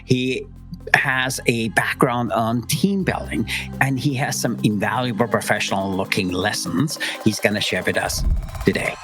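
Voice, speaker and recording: A man's voice: medium pitch, unhurried, a bit bright, soft background music. A man hosting a podcast, chatting casually and enthusiastically with his guest. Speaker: host. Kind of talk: podcast interview.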